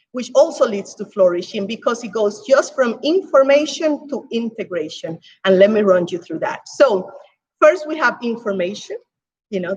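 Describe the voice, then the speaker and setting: A woman from Cuba preaching a sermon as pastor, with emphatic swells and hushed drops. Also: a little high, breathy edge, lo-fi sound.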